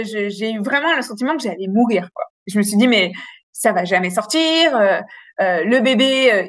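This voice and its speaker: A woman in her thirties frankly telling a long personal story in a casual, animated way, with many fillers. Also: on the high side, dry recording, studio quality. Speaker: interview guest.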